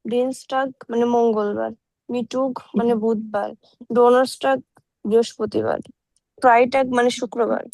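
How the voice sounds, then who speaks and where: A woman student with a gravelly, fairly high voice recites words very slowly. Her voice comes dry over a video call. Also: fairly even intonation, a little mellow, no room sound, low-quality recording. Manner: slow, careful recitation.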